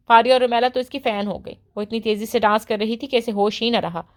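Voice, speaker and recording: A woman narrating a romance novel as an audiobook in an expressive storytelling manner. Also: on the high side.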